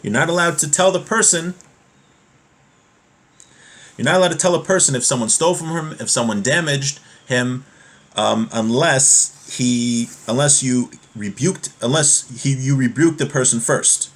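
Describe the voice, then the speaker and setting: Speaking unhurriedly in a medium pitch, a man leads a text study on religious law. He reads each passage aloud, then restates it in a teacherly way, going over points again and rephrasing them with examples.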